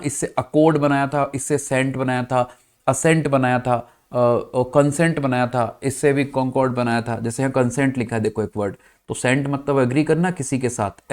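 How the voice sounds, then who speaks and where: A male English teacher from India runs a vocabulary class, mixing Hindi explanation with English words spoken in an Indian accent. His voice sits at an ordinary middle pitch, and he keeps asking his students whether they've got it. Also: a little mellow. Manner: addresses students as "bachcha party", checks "clear?"; spells words out letter by letter.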